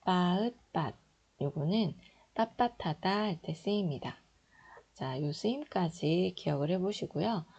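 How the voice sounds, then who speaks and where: A woman teaches reading slowly and patiently, sounding out each syllable aloud in a low, husky voice. Her voice has a gravelly fry to it. The recording is dull and lo-fi. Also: expressive, a little mellow. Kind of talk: slow instructional explanation.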